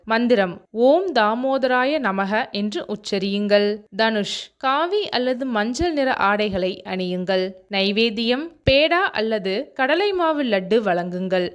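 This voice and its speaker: A woman narrates a scripted voice-over at a measured, announcing pace. Her voice sits a little high and moves up and down a lot as she reads. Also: clear, resonant tone. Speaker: narrator of a devotional video.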